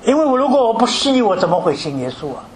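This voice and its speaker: An older man from mainland China preaching a sermon, posing rhetorical questions and telling his story with animated emphasis. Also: very high voice, fast, a little hiss or hum.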